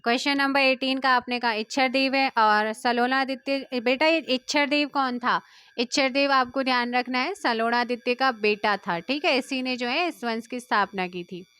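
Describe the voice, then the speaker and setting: Brisk Indian woman teacher quizzing viewers. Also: high voice, pushed and bright, smooth. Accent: Indian Hindi. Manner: brisk, quizzing viewers and urging them to comment. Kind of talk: quiz-style exam prep lesson.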